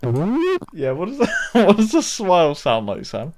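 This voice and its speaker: A man chats loosely with friends while he streams a game, and he breaks into laughter often. His pitch swings widely, and he speaks at a slow, relaxed pace. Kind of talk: casual gaming stream chat.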